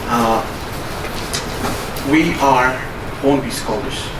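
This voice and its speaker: A man who is a native Portuguese speaker gives a formal conference presentation, measured and pausing often with "uh". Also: medium pitch. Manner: measured, with frequent hesitations. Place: conference hall. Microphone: distant from the recorder. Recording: roomy, distant hall recording with noise.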